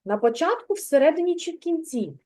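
A woman's voice: high-pitched, big pitch swings, fairly quick, mellow. A woman kindergarten teacher giving a patient, encouraging one-on-one reading lesson to a young child, prompting step by step.

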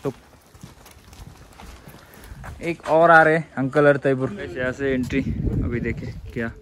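A man's voice: medium pitch, moderate pace, noisy background. A young man chatting casually to viewers in a travel vlog, recording on a handheld phone in a car and outdoors. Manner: chatty, addresses viewers as guys, upbeat. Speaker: travel vlogger. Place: inside a car, then outdoors at a scenic viewpoint. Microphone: phone camera held at arm's length.

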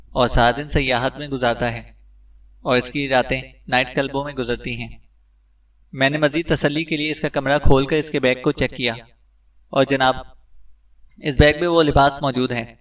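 A man's voice: medium pitch, fairly bright tone, recorded from a distance, close to an everyday voice. A man voicing a male intelligence agent who gives a respectful, thorough report to his chief.

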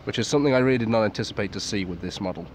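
A man with a fairly low voice reviews gear in a casual, off-the-cuff way. He is understated and sweary, muttering asides as he goes. He is recorded outdoors with some background noise. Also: very fast. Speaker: military surplus gas mask reviewer. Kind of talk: casual unscripted product review. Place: outdoors in a garden at night. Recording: clearly noisy outdoor recording.

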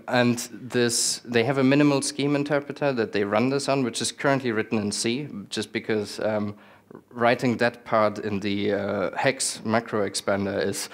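Young man giving a relaxed tech talk. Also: fairly low pitch. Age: young adult. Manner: relaxed, frequent fillers and restarts, dry humor. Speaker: conference speaker. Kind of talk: technical talk with slides. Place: small lecture room, indoors.

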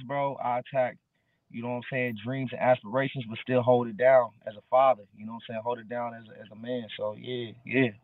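A guest musician in his early thirties chats casually in an interview over a video call, using laid-back street slang and fillers like "bro." His voice sits at a medium pitch. He's in a dark room at home, and the audio is dry and tinny like a phone, with no room sound.

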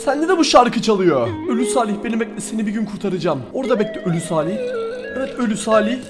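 A man's voice: high voice, lively intonation, quick pace, music in the background. A man giving playful, theatrical commentary on his own game, addressing viewers and in-game animals in a mock-dramatic tone. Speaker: gaming YouTuber. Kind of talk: playful Minecraft let's-play commentary.

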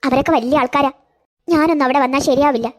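Woman doing a high, tearful cartoon grandmother. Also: fairly even intonation, fast talker, natural voice. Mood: sad. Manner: gentle, coaxing. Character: tender grandmother, tearful and self-sacrificing. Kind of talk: cartoon voice acting.

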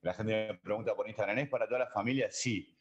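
A man's voice: lowish voice, quick pace, highs cut off. A man with an Argentine accent in casual chat, telling jokes and laughing at his own punchlines. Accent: Argentine Spanish. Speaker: comedian guest.

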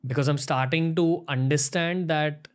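A young man from India hosts a podcast from a studio set. He talks earnestly into a desk mic, steady and measured, and trails off quietly at the end of his phrases. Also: on the high side. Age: young adult. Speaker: podcast host. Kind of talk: podcast interview and intro monologue. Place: studio set with shelves, indoors. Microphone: desk-mounted podcast mic.

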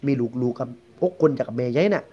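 Quick-talking man with a Southern Thai accent. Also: medium pitch, warm tone, breathy edge. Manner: chatty, rambling, conversational. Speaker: guest storyteller. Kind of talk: casual spoken ghost story telling. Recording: dull lo-fi recording.

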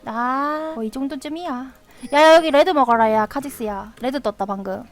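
Very high-pitched excitable woman streamer. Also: normal speed. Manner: excitable, talks to herself and shouts at the game. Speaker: game streamer. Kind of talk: live gameplay commentary.

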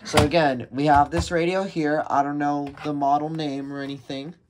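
A man's slightly high, steady voice moves at a moderate pace as he unboxes radios for his vlog. He rambles hesitantly and often begins sentences again, and the home recording is noisy, with clicks from handling the items.

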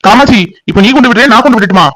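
A man's voice: very high voice, racing, pushed and bright, pitched above the performer's own voice, heavily acted, rough recording. A man voicing a proud, hurt middle-aged father in a cartoon family drama. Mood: angry.

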